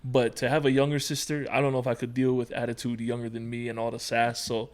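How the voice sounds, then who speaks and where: Talking fast in a medium-pitched voice, a Hawaiian man probably in his thirties rambles through stories as a relaxed podcast guest. It's casual conversation, sprinkled with fillers.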